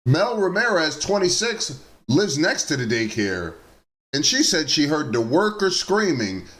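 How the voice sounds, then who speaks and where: A man with a fairly high voice that rises and falls a lot reads the news to his audience like family. He keeps slipping out of the report into plain, blunt remarks of his own. The tone stays informal and talky. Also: very animated, unhurried, a bit bright. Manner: informal, addresses viewers as nieces and nephews; reads the reports, then adds blunt personal asides. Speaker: news commentary vlogger. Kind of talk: reading news stories aloud and commenting.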